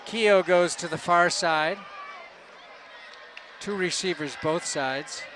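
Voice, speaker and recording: Man, play-by-play announcer, high voice, loud crowd and clear field noise outdoors. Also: takes it slowly. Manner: calls plays, rising to shouts on big runs. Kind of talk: local football commentary. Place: outdoor high school football stadium.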